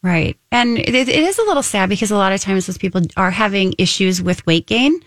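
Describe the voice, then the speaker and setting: A woman's voice: mid-range voice, animated, fairly quick, fairly bright tone, no room sound. A woman co-hosting a nutrition radio talk show in a chatty way, often chiming in to agree.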